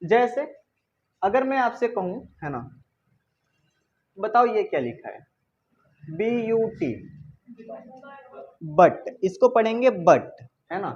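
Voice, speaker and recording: A woman's voice: mid-range voice, big pitch swings, slow, long pauses, darkish tone, muffled recording. A woman teaching a classroom lesson who keeps checking with her pupils by asking "isn't it?" and plays with rhetorical questions. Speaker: English teacher.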